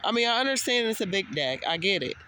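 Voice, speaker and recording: A woman's voice: mid-range voice, sing-song, fast, pushed and bright, a little hiss or hum. A woman with a congested voice, talking casually to camera in a rambling, exasperated family vlog, outdoors. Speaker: family vlogger.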